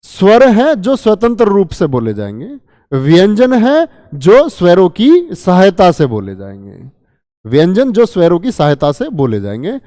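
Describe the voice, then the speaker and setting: A man's voice: high voice, huge pitch swings, measured pace, warm tone, no echo, studio quality, long reverb tail. A male teacher giving an exam-prep grammar lesson, asking his students questions and then answering them himself. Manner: calls listeners children. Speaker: Hindi teacher.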